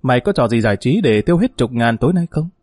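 A man voicing a brash young male hoodlum who talks in a rough, bossy swagger. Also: medium pitch, very animated, quick pace, a little mellow, no echo, studio quality, soft background music. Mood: mock-bossy.

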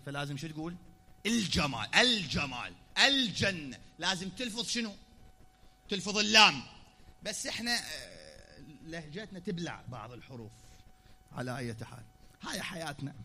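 An Iraqi man preaching a sermon from a pulpit, explaining patiently and then rising to loud declaiming. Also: medium pitch, gravelly. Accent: Iraqi Arabic. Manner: explanatory, swings from quiet asides to loud declaiming. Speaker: preacher at a mourning gathering. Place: pulpit in a hall.

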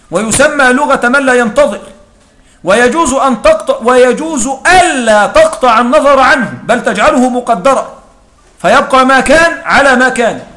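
Very high-voiced man teaching grammar. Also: pushed and bright. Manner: reads a text aloud, then explains it and checks with students. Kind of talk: classroom lecture.

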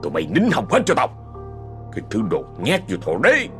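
A man's voice: on the low side, huge pitch swings, a little fast, soft background music. Man playing a snappish bossy landowner. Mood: snapping. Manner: snapping, scolding. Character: grumpy rich man, bossy sugarcane landowner.

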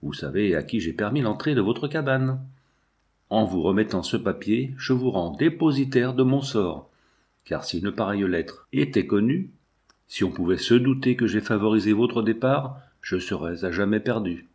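A man's voice: fairly low pitch, lively intonation, moderate pace, a little mellow, close to an everyday voice. A man reading the letter of a cautious governor in a formal, solemn manner. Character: stern, cautious male governor writing a letter.

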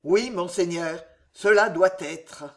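A man's voice: high-pitched, takes it slowly. A man voicing a scheming young nobleman who mocks his elder brother with false deference, in a storybook reading. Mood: insinuating. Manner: mocking, hissing, falsely deferential.

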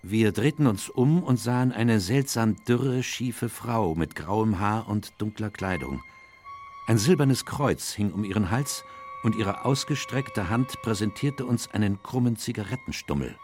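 An actor playing a measured, gentlemanly doctor who narrates a radio detective story. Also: male voice, lowish voice, expressive, music in the background. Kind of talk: scripted radio drama narration.

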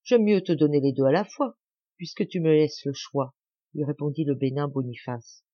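A woman's voice: low voice, normal speed, warm tone, dry recording, lo-fi sound. A woman voicing a kindly, pompous village mayor who talks with solemn gravity. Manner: solemn, benevolent.

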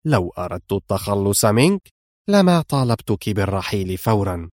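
A man voicing a cold, commanding male spy mastermind who speaks calmly and menacingly in a spoken-word thriller. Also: low-pitched, a little fast, no echo, studio quality, pitched below the performer's own voice, lightly acted. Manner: calm, clipped and menacing.

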